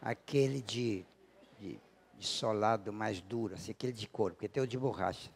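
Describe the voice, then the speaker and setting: A man with a Brazilian accent giving a spiritual lecture, telling a personal story, acting out the dialogue and slowing down to stress key words. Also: fairly low pitch, creaky. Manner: storytelling, acting out dialogue with big shifts in loudness. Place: lecture hall at a spiritist center.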